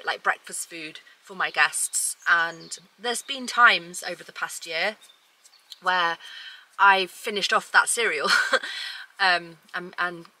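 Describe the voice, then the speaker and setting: A woman's voice: on the low side, pushed and bright, low-quality recording. A woman in her forties giving casual advice to viewers as a video host, recorded inside a small camper van. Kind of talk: casual advice vlog, talking to camera.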